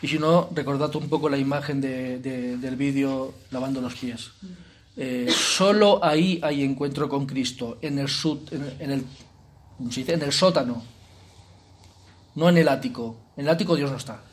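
A man's voice: mid-range voice, moderate pace. Chatty man leading a retreat. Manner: conversational, peppers sentences with "¿eh?" and "¿no?"; jokey asides. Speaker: retreat leader. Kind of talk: informal spiritual retreat talk.

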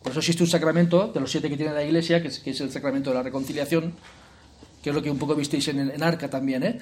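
A man's voice: fairly high pitch, fairly even intonation, fast, darkish tone, a little hiss or hum. Chatty man leading a retreat. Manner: conversational, peppers sentences with "¿eh?" and "¿no?"; jokey asides. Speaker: retreat leader. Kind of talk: informal spiritual retreat talk.

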